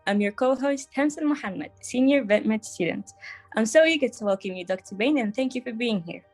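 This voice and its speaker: A woman's voice: a little high, lively intonation, a little fast, darkish tone, soft background music. Eager young woman co-hosting a podcast. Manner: eager, upbeat, reads prepared questions. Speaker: podcast co-host. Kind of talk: scripted podcast interview questions.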